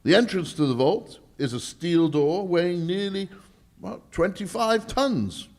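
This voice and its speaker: Man playing a slow, emphatic, formal English lord. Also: sits high, darkish tone. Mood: proudly emphatic. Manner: emphatic, deliberate, formal, slightly halting. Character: exasperated, proud English lord guarding a bank vault. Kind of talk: 1940s radio drama acting, performed live.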